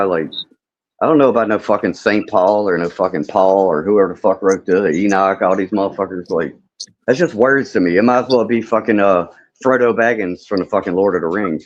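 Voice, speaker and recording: A man in his fifties hosting a casual open-panel chat, blunt, profane and rambling. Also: on the low side. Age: 50s. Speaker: host of an open panel stream. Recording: muffled lo-fi audio.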